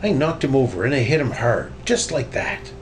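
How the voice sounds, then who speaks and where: A man voicing a boastful, excitable cartoon duck adventurer from a storybook, in an exclamatory way. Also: mid-range voice, moderate pace, a little hiss or hum, close to an everyday voice. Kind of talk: storybook character reading.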